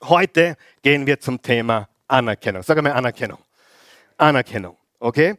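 A man's voice: medium pitch, expressive, moderate pace, fairly bright tone, dry recording, clean studio sound. A middle-aged man with an Austrian accent preaching a sermon as pastor, leading the congregation through call-and-response readings.

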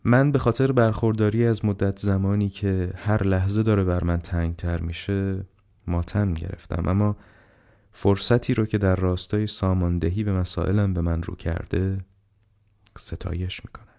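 A man reading the part of a frail, dying old man who speaks slowly, haltingly and on the edge of tears. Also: deep voice, steady tone, creaky, dark tone. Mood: reflective. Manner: slow, halting, tearful.

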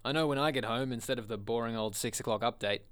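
A man's voice: medium pitch, quick pace, fairly bright tone, smooth, close to an everyday voice. Man playing glib, pompous radio doctor. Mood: breezy, smug. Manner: pompous, breezy presenter delivery. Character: glib, callous male doctor co-hosting radio show. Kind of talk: parody radio show presenting.

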